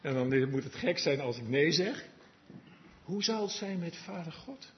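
In a dull lo-fi recording with a faint hiss or hum, a man preaches a sermon in a fairly high, expressive voice at an unhurried pace. His manner is chatty and confiding, sinking at times to a murmur before climbing into emphatic, earnest exhortation.

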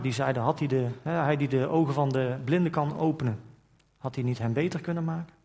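A man preaching a sermon, asking reflective questions and reading scripture aloud in old formal wording. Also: a little high. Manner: reflective, asks rhetorical questions.

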